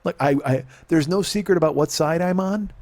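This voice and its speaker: A man in his late forties hosts a casual podcast chat, grumbling, swearing and poking fun at himself. His voice runs on the high side, fairly quick, with a darkish tone.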